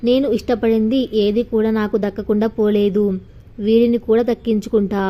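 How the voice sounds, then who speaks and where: A haughty rich young bully, voiced by a woman storyteller, sneers and threatens in a spoken story. The voice sits a little high, mocking and cruel. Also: level tone, normal speed, highs cut off, lightly acted. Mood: taunting. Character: arrogant rich young woman, a bullying senior medical student.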